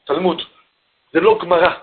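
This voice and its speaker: A man's voice: high voice, steady tone, slight background noise. A man preaching through a story, acting out the people in it with dramatic shifts of voice. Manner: dramatic, acts out the characters' voices. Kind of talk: storytelling sermon. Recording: tinny phone-like recording.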